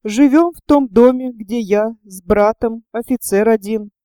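A woman's voice: on the high side, dark tone, clean tone, no room sound, studio quality, natural voice. A woman doing a mumbling tongue-tied young man. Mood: sullen. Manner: mumbling, halting.

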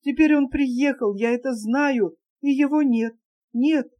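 A woman's voice: high voice, measured pace, dull audio. A woman reading a young woman's lines in a novel, earnest and close to tears. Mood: tearful. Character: young woman, tearful and anxious.

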